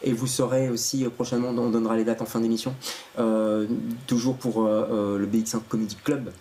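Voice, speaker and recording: Brisk talk show host. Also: male voice, medium pitch, little pitch movement, mellow, a little hiss or hum. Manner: brisk questioning, frequent short agreements. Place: TV studio.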